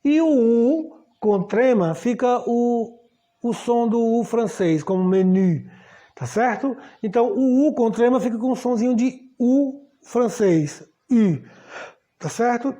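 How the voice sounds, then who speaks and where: Slow, patient Brazilian woman teaching. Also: a little high, dark tone. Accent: Brazilian Portuguese. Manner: patient, spells out letters one by one and checks in with the class. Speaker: language teacher. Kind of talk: explaining a language lesson at a board.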